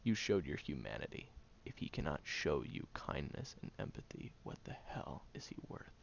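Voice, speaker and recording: A man voices a brash, defensive young man with a hidden caring side in an audio roleplay, his low, gravelly delivery blunt and halting with grumbles and sighs. Here he turns sing-song, whispered, and exaggerated, sounding earnest and reassuring as he addresses the listener one-sidedly. The dull home recording has faint noise.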